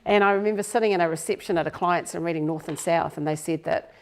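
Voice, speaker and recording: A woman's voice: fairly low pitch, fast talker, a little hiss or hum. A middle-aged woman, a business coach giving a live workshop talk to a group in a room, chatty and self-deprecating.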